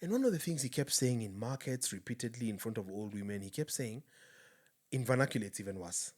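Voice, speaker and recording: A man's voice: medium pitch, fast talker. A Kenyan man co-hosting a casual political talk show, asking questions and mixing in Swahili. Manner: expressive, questioning, mixes in Swahili. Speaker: podcast co-host.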